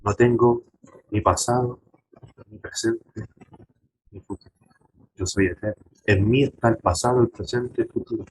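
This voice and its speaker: A man's voice: lowish voice, fairly even intonation, moderate pace, long pauses, a little hiss or hum, rough recording. A man pastor teaching a Bible class to his congregation, emphatic, turning to them with direct questions. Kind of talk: church Bible lesson.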